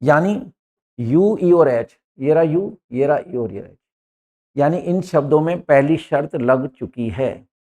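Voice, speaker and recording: This is a grammar lesson for English learners, given by a man whose voice is fairly high with a darkish tone. Treating his viewers as friends, he works through the material step by step, going over each point twice and gesturing at words written on a board.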